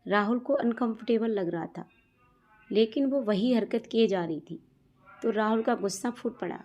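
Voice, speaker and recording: A woman storyteller reading scripted story narration in a steady, even way. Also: fairly high pitch, moderate pace, muffled recording, faint music behind.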